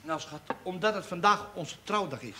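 A sheepish, mock-suffering husband. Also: male voice, sits high, animated, moderate pace, slight background noise. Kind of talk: stage farce acting. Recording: loud studio audience laughter. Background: live audience laughing.

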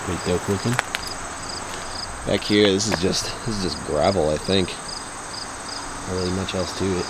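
A man's voice: low voice, moderate pace, long pauses. Rambling young man filming outdoors. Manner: loose, rambling with many "like" fillers. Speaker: vlogger exploring abandoned sites. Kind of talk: casual walk-and-talk narration. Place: outdoors in an overgrown empty lot. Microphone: handheld camera at arm's length. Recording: outdoor camera audio with clear insect noise. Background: insects and distant traffic outdoors.

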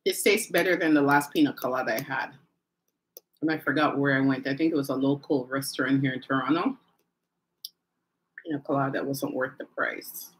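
A woman's voice: rumbling low, fairly quick, long pauses, slight background noise, poor audio. A woman hosting a live stream from home, chatting casually, talking straight to her viewers and laughing often. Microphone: phone or camera mic on a live stream.

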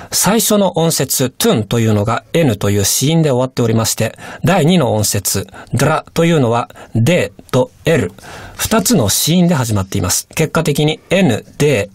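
A man as language teacher, giving a radio language lesson in polite, measured explanations. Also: medium pitch, no echo.

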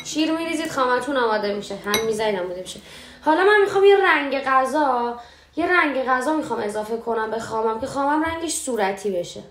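A woman's voice: high-pitched, expressive, fairly bright tone. Chatty young woman hosting a kitchen demo. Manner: chatty, explains step by step. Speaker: cooking show host. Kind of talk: casual cooking demonstration. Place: home kitchen. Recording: echoey kitchen, faint background noise.

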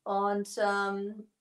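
A woman's voice: mid-range voice, far from the mic. Give me a woman hosting a live painting tutorial in a small echoey workshop, leaning over her work away from the camera. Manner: chatty, bent over her work while talking. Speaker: furniture painting host. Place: small workshop studio, indoors. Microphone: far camera, no mic seen. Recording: echoey room, voice off-mic.

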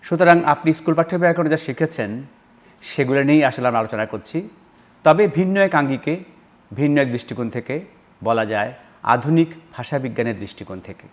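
A man's voice: mid-range voice, fairly quick. A man from Bangladesh giving an explanatory video lecture on grammar, stressing key terms and walking through spoken examples. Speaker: linguistics lecturer.

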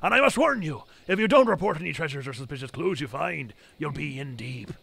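A man voicing a gruff, bossy pirate captain in a commanding old fisherman manner for a video game. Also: a little high, lively intonation, a little fast, a bit bright, full character voice. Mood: stern, commanding.

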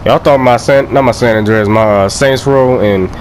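A young man giving loud, profane, joking let's play commentary and laughing often. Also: mid-range voice, normal speed, slight background noise. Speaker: gameplay commentator.

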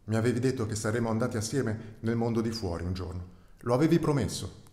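A man's voice: lowish voice, quick pace, mellow, close to an everyday voice. A man reading aloud, voicing a naive young male calf who pleads and longs for the outside world. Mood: pleading. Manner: pleading, wistful. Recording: roomy echo.

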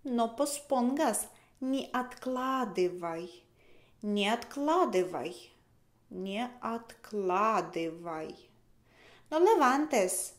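A woman teaching a language lesson, slowly repeating each phrase for learners to copy. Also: a little high, animated.

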